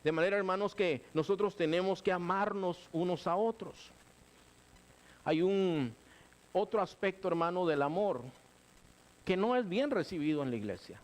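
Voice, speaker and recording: A middle-aged male pastor, preaching a sermon with lively, conversational asides. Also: sits high, normal speed. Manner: animated preaching, keeps saying "hermano", acts out quoted voices.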